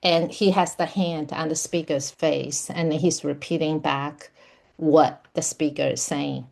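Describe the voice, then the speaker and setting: A woman's voice: deep voice, fairly even intonation, measured pace, creaky, a little mellow. A woman lecturing at a university course, explaining ideas step by step with frequent fillers and restarts.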